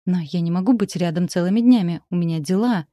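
A woman's voice: on the low side, fast, dark tone, no room sound, clean studio sound, natural voice. A woman voicing a tired, patient adult daughter who grows exasperated with her mother.

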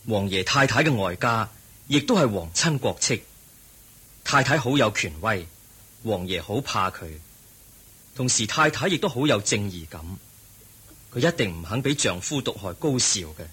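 A serene, wise Buddha with a Hong Kong Cantonese accent, speaking in a low, husky voice. He counsels gently and in measured tones, with a voice that rises and falls freely. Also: lively intonation, exaggerated voice. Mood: calm counsel. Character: the Buddha, a calm, wise, compassionate male teacher. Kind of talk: radio drama acting.

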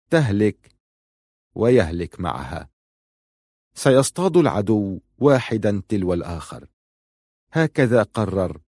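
A man reading a novel aloud in steady, measured scripted narration. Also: on the low side, no echo, clean studio sound.

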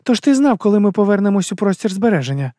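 A man reading an audiobook voices a calm woman researcher who keeps questioning steadily. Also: high voice, quick pace, voice pushed up. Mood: pressing. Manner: level, persistent questioning. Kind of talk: audiobook character voice.

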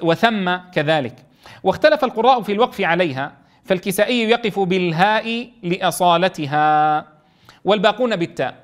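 High-voiced man teaching a Quran lesson. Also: fairly bright tone. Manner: reads quoted text slowly, then explains quickly, often checking with listeners. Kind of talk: explaining a classical text in a lesson.

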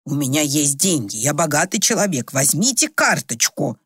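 A man's voice: on the high side, sing-song, moderate pace, a bit bright, husky, no echo, studio quality, pitched below the performer's own voice, heavily acted. A woman voicing an injured, wary elderly foreign man in a storybook reading. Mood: weak, pleading. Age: older.

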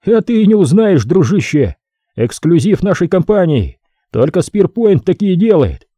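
A man's voice: high voice, sing-song, normal speed, mellow, dry recording, clean studio sound, pitched above the performer's own voice. A male audiobook reader voicing a brash, boastful male contractor technician. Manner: cocky, bragging, blunt. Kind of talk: audiobook character voice.

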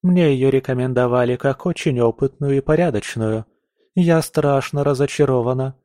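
Sex: man. Figure: a man voicing a stern countess mother. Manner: lecturing, raised pitch. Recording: dry. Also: normal speed, dark tone, no echo, natural voice. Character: strict aristocratic countess mother, middle-aged woman. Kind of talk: audiobook character voice.

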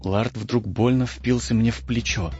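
A man narrating an audiobook in the first person, telling the story in a lively, theatrical way. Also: medium pitch, a little slow. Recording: dull lo-fi audio with strong background music.

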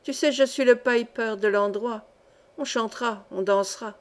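A woman's voice: fairly high pitch, moderate pace, natural voice. A woman reading as a jovial young ex-miner. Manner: jovial, chatty. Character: cheerful man of twenty-five, singing ex-miner.

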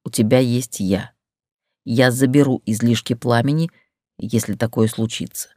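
A woman reading an audiobook, voicing a stern, controlled man in a lowered, clipped, commanding voice. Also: steady tone, normal speed, darkish tone, dry recording, studio quality. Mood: calm firm.

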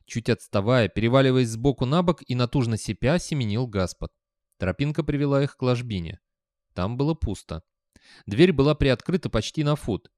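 A man's voice: mid-range voice, darkish tone, dry recording, studio quality. Man reading an audiobook. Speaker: audiobook narrator. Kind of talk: scripted narration.

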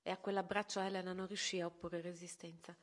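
Una donna che legge ad alta voce un romanzo, con una narrazione calma e misurata. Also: female voice, on the low side, fast. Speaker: volunteer reader. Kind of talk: reading a novel aloud.

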